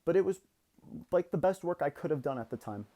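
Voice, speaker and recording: A man's voice: on the high side, lively intonation, fairly quick, dark tone. A young man in his late teens talking candidly and reflectively in a personal vlog, rambling a little and restarting his sentences. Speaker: YouTuber.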